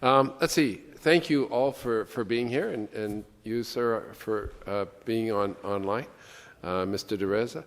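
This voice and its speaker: Low-voiced guy at a committee hearing, chatty and rambling, echoey chamber. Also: measured pace. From Ontario. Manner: rambling, conversational with many restarts. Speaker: committee member questioning presenters. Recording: long reverb in a hearing room.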